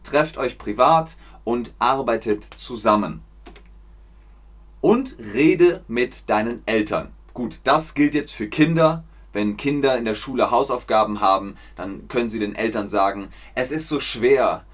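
A male teacher on a live stream who speaks slowly and clearly and repeats key words for his students. He keeps a chatty tone and reads viewer names out from the chat. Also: mid-range voice. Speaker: German teacher. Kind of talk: live-streamed language lesson.

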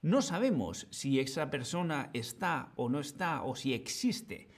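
A man's voice: medium pitch, big pitch swings, a little slow. A man teaching a live-streamed grammar lesson, patient and playful, talking to his chat. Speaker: Spanish teacher.

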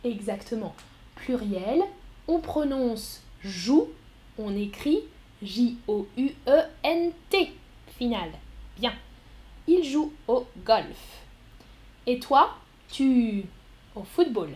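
A woman's voice: fairly high pitch, animated, extremely slow, long pauses, a little mellow. A woman teaching a live online French lesson, spelling words letter by letter and praising students by name. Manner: encouraging, calls out students by name.

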